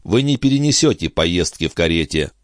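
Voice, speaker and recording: A man reading an older male doctor in an audiobook, measured and gently lecturing. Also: deep voice, sing-song, no room sound, studio quality. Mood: solemn.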